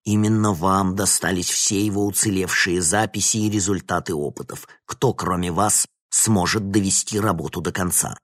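A man voicing a cold, predatory male scientist who speaks in a slow, threatening tone. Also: deep voice, fairly even intonation, no room sound, studio quality.

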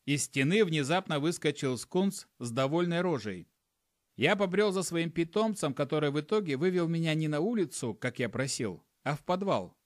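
A man's voice: fairly high pitch, lively intonation, dry recording, studio quality. Sardonic male audiobook narrator. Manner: brisk, sardonic, acts out lines.

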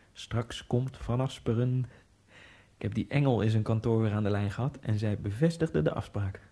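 A radio play's first-person narrator, a lonely immigrant man obsessed with speed skating, delivers a wry, brooding inner monologue. His male voice is gravelly, mid-range and dark in tone.

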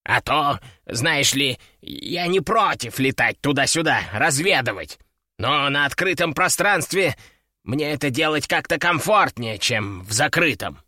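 A man voicing a grumbling, sardonic male talking parrot in an audiobook, a bit lower and slower than his narration. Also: expressive, pushed and bright, no echo, clean studio sound, full character voice. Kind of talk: audiobook character voice.

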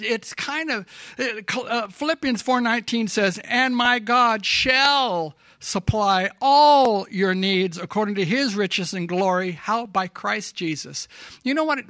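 Pastor guy preaching, high bright voice, pushes hard and asks the crowd stuff, dry close sound. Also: measured pace, dry recording. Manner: emphatic, asks the congregation questions; gets emotional. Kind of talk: sermon. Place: church.

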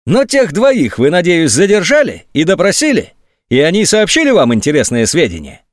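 Male reader doing a mocking general, high and lively, dry close mic. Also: normal speed, no room sound. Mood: sarcastic. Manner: mocking, sneering, sometimes shrill. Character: sarcastic, scornful male army general on phone.

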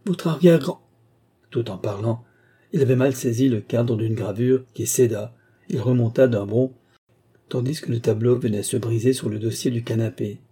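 A man narrating an audiobook in a very dark, mellow voice. His tone has a husky grain, and his reading is measured and even. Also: medium pitch. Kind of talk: scripted narration.

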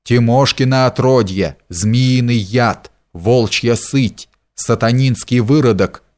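A man playing a rough, foul-mouthed robber henchman, gruff and cursing. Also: mid-range voice, measured pace, lightly acted.

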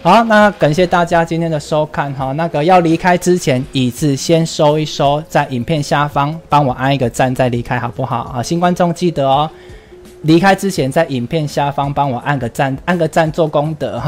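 Blunt ranting Taiwanese-accented man. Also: fairly high pitch. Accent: Taiwanese Mandarin. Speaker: livestream host. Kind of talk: casual livestream chat.

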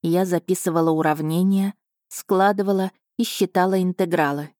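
A woman reading an audiobook in the first person, in a measured and even storytelling voice. Her pitch sits a little low, and the recording is dry and close. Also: dry recording. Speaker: audiobook narrator.

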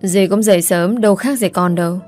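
A woman voicing a polite, gentle young woman. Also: mid-range voice, fairly quick, faint music behind, lightly acted. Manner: polite, soft-spoken.

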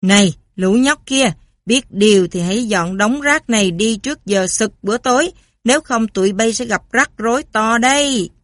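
A woman voicing a menacing male gang boss who growls out loud threats. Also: fairly high pitch, moderate pace, no room sound, clean studio sound, lightly acted.

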